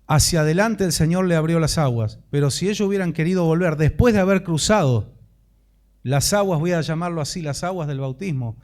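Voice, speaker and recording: A man's voice: on the high side, a little fast, a little mellow. A man preaching a sermon as pastor, impassioned and rising into fervent prayer.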